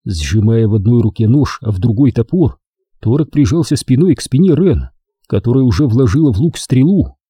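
A man reading an audiobook aloud with an expressive, dramatic delivery. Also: mid-range voice, moderate pace, husky, dry recording, studio quality. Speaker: audiobook narrator. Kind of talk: scripted audiobook narration.

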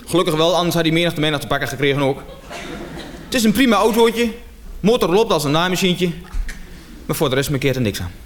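A man with a high voice performs a mock-confessional comedy monologue, climbing into excited shouting as the tale runs away with him. The old recording sounds roomy and carries clear background noise. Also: fast talker.

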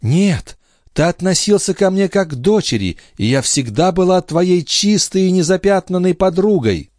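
Guy reading a book, doing a young wife, soft and earnest, dry close sound. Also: high-pitched, lively intonation, moderate pace, no echo, pitched above the performer's own voice. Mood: adoring. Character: devoted young woman, tender and pleading. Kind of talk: audiobook reading.

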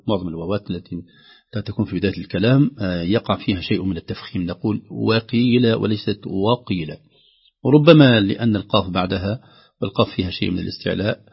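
A man teaching Quran recitation rules, reciting each word slowly to show how it should sound. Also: on the low side, gravelly, slightly rough. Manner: demonstrates words by reciting them slowly. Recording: dull lo-fi broadcast audio.

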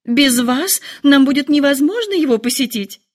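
A woman voicing an excitable, fretful middle-aged mother who speaks in high, gushing exclamations. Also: unhurried. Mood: excited.

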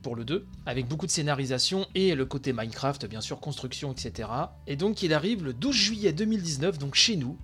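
A man with a slightly high voice gives chatty live reaction commentary for his games channel, worn out from the late hour. He breaks into excited outbursts and fills gaps with hesitations. Faint music plays behind him. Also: brisk, few pauses. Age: adult with young son. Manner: excitable, chatty, many fillers. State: very tired, late at night. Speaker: video game channel host.

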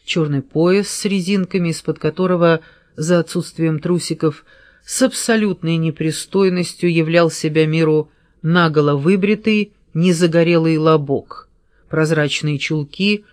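A woman's voice: deep voice, no room sound. Woman narrating an audiobook, dry close sound. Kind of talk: scripted narration.

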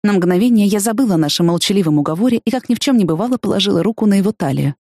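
A woman reading a first-person novel aloud, expressive and lifting her voice for lively quotes. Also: mid-range voice, racing, no room sound, studio quality. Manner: expressive, lifts voice for excited quotes. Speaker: audiobook narrator.

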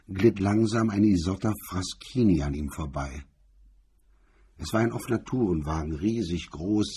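A deep, darkish male voice, husky and raspy, narrates a hardboiled crime story. His delivery is measured and literary, like a storyteller taking his time.

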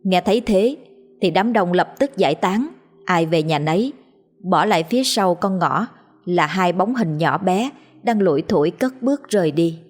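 A woman narrating a story in a measured, expressive reading voice. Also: lowish voice. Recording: soft background music.

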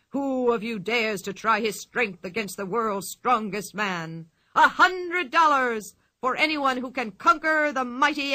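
A woman voicing a pompous, blustering male ringmaster who announces in a grand, drawn-out showman's style. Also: on the high side, pushed and bright.

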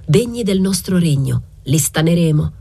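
A woman's voice: fairly low pitch, animated, moderate pace, gravelly, dark tone, breathy edge, heavily acted. A woman playing a cold, thin-voiced king. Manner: ironic and impassive. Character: cold, calculating older male king.

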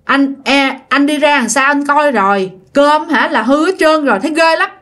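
Woman voicing angry husband, crude ranting, high-pitched, ghost story. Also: moderate pace, a bit bright. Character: indignant husband cursing unseen spirits.

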